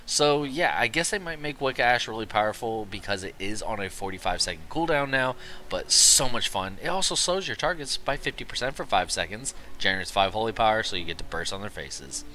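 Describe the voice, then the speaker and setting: A young man giving a casual, rambling game guide commentary, excited and tired after work. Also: lowish voice, slight background noise. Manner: excited, rambling, quick asides. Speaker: gaming video creator.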